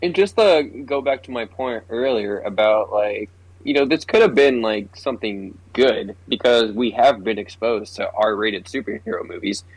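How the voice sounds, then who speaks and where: A young man co-hosting a podcast in casual chat, excitable and swearing, laughing as he retells scenes. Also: lowish voice, normal speed, creaky, husky, rough recording. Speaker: podcast co-host.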